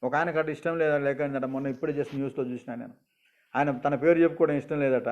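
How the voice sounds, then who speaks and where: A man's voice: mid-range voice, steady tone, fast talker. Male bishop preaching, lo-fi. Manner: storytelling preacher mixing English phrases. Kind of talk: sermon. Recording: dull lo-fi sound.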